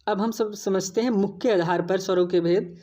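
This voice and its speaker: A woman's voice: medium pitch, steady tone, moderate pace, mellow. A woman teaching an exam-prep lesson, explaining patiently, repeating key points and addressing viewers as friends.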